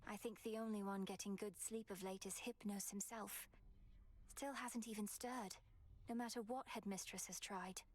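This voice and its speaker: A woman's voice: medium pitch, fairly even intonation, moderate pace, lightly acted. A woman voicing an earnest, resolute young witch princess in a video game, speaking formally and thoughtfully. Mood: musing. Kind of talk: video game character acting.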